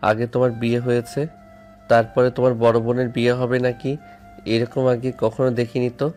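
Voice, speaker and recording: A man's voice: medium pitch, monotone, a little fast, a little mellow, faint music behind, close to an everyday voice. A man playing a husband's playful young friend who talks politely in an audio drama. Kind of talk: Bengali audio love-story drama.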